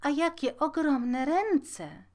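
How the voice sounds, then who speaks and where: A woman's voice: high voice, slow, a little mellow, pitched above the performer's own voice. A woman voicing an innocent, trusting little girl in a fairy tale, with polite, naive speech. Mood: astonished.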